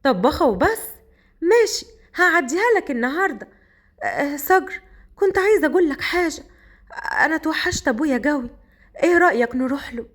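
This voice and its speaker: A woman voicing a sweet, playful young newlywed wife, in a raised, soft voice. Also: high-pitched, big pitch swings, fast, pauses often, voice pushed up.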